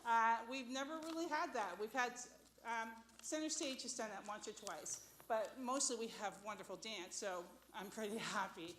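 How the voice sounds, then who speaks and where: A woman's voice: a little high, moderate pace, fairly bright tone, slight background noise. A woman hosting a live stage show, chatting and cheering the audience on as she introduces the next act. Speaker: show host. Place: theatre stage. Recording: roomy theatre sound.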